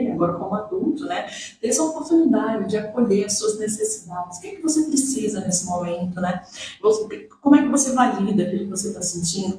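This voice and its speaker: A woman's voice: mid-range voice, distant mic, a little hiss or hum. Brazilian woman teaching in an echoey room. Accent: Brazilian Portuguese. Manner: gentle, questioning, many tag questions. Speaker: emotional healing teacher. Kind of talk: talking to camera about emotions.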